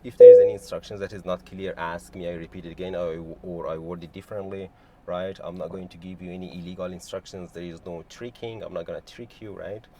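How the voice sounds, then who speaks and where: A man working as a driving instructor, calmly explaining each step to a learner in a car. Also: sits low, fast, a little hiss or hum. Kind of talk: instructional talk and voice-over. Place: inside a car.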